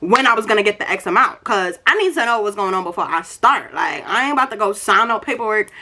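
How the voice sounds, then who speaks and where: A young woman, a little tipsy, telling a story to viewers in an animated, slangy, emphatic way and acting out dialogue. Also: mid-range voice, fast. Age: young adult. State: tipsy from drinking. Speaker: storytime vlogger.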